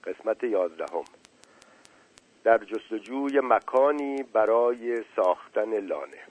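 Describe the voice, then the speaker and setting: A man narrating a children's story calmly and evenly. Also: on the low side, narrow, tinny audio. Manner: calm, even storytelling.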